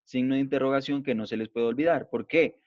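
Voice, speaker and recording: A male teacher giving an online grammar class, explaining slowly and patiently and checking in after each point. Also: mid-range voice. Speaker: English teacher. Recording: dull lo-fi online class audio.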